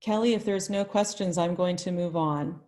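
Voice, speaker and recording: A woman, a teacher trainer, giving a live online tutorial in a friendly, chatty way and thinking out loud as she goes. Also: on the low side, moderate pace.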